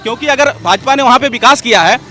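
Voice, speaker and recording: A man's voice: extremely high pitch, fast, sharp tone, a faint crowd. A man giving heated, combative political opinions as an interview guest, hammering his points and repeatedly calling for attention. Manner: emphatic, combative, keeps saying "look" and "listen".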